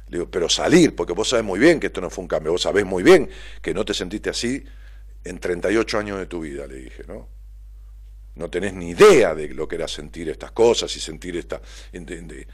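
A man's voice: on the low side, breathy edge. A man with a Rioplatense Argentine accent, a therapist talking bluntly and profanely as he reads out messages and tells stories. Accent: Rioplatense Spanish. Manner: blunt, profane, animated storytelling. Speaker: psychotherapist and host reading viewer messages. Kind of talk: casual live-stream talk.

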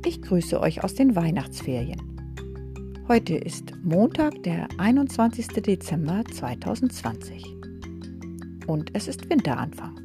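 A woman reading a children's book aloud, gently addressing young listeners. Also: fairly low pitch, sing-song, measured pace, music in the background.

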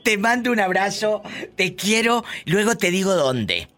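A man's voice: sits high, very animated, measured pace, noisy background. A man with a Mexican accent hosting a comedic live call-in show in a flamboyant, teasing diva persona. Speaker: radio host.

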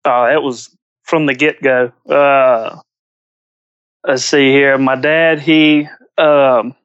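A man chatting casually as an interview guest, speaking in halting phrases with frequent pauses. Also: mid-range voice, steady tone, fairly bright tone, clear, resonant tone, no room sound, muffled recording. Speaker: podcast guest, agricultural pilot.

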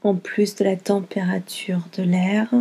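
With little movement in her mid-range pitch, a woman guiding yoga nidra speaks softly and huskily, her tone dark and mellow. Short, soothing phrases come gently and without hurry, touched by light vocal fry, with long pauses in between.

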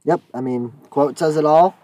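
A man's voice: on the high side, normal speed, dark tone. A young man co-hosting a casual sports chat, agreeing readily and then explaining his view with fillers. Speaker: podcast co-host.

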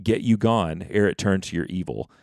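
A man's voice: low-pitched, creaky, dry recording, clean studio sound. A man reading as a stern, kingly warrior. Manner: calm, stern, measured. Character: defiant kingly male warrior.

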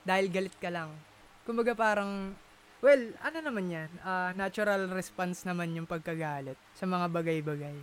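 In casual talk, a man with a high-sitting voice speaks at a normal speed, with a little hiss or hum on the recording. He hunts for words, leans on fillers, and mixes English into his Tagalog.

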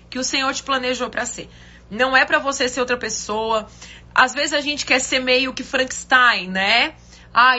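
A middle-aged woman pastor talks loudly and forcefully in a casual devotional chat. Her voice sits high and sounds bright and sharp. The recording is a little dull and lo-fi.

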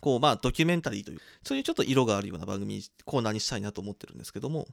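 A man co-hosting a casual radio-style podcast, introducing segments quickly and laughing often. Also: lowish voice, vocal fry. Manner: quick, lively explaining with frequent laughs. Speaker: podcast co-host presenting segments.

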